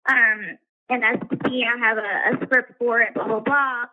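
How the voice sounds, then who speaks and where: Lady on a tinny prison payphone line, high voice, kinda rambly with lots of um and like. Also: fairly even intonation, normal speed. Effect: prison payphone call over a tinny phone line. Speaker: inmate calling from a correctional facility.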